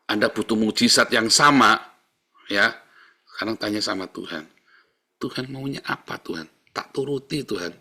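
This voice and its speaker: A middle-aged man preaches, chatting with his congregation rather than lecturing. His voice is gravelly, a little husky, with a bright, forceful edge. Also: mid-range voice. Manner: conversational, addresses audience as "saudara", mixes Javanese words. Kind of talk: sermon.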